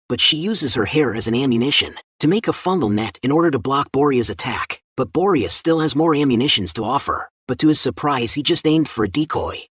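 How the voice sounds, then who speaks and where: A man narrating a comic story recap as a steady scripted read-through. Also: mid-range voice, breathy edge, no echo, studio quality.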